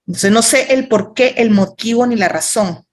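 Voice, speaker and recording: A woman's voice: fairly high pitch, moderate pace. A woman with a Venezuelan accent teaching a writing workshop over a video call, chatty and playful, with asides to her students.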